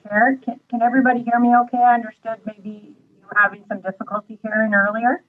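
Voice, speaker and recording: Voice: medium pitch, little pitch movement, fast, no room sound. A township staff member presenting a report at a council meeting over a garbled, glitchy remote call, speaking hesitantly and apologetically. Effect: garbled, glitchy remote call audio. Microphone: remote call line. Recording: tinny, dry phone-like call line.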